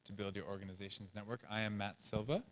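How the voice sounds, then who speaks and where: A man's voice: on the low side, fairly even intonation, fast talker. Upbeat man presenting on a panel. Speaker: nonprofit communications presenter.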